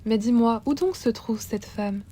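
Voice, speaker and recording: A woman's voice: fairly high pitch, a little slow, dark tone, husky. A woman voicing a compassionate, resolute king, speaking solemnly in a storybook reading.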